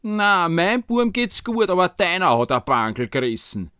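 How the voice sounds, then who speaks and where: A man's voice: high voice, very animated, normal speed, sharp tone, smooth, no room sound, clean studio sound, voice pushed up, full character voice. A man voicing a quarrelling mother arguing before a king in a story, emphatic and colloquial, with a Viennese accent. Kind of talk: acted dialogue in dialect storytelling.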